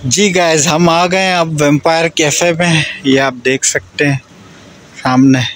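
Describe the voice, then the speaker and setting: A man's voice: a little high, steady tone, a little slow, fairly bright tone, low-quality recording. A man in his thirties narrating a casual family vlog from a restaurant and cafe, chatting to viewers and coaxing a child along. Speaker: vlogger. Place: restaurant and themed cafe, partly outdoors.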